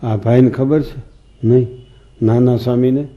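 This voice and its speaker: A man's voice: medium pitch, fairly even intonation, normal speed, highs cut off. A man giving a sermon as a swami, telling folksy stories and asking the listeners questions. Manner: folksy storytelling, asks the hall questions. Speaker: swami giving a scripture discourse.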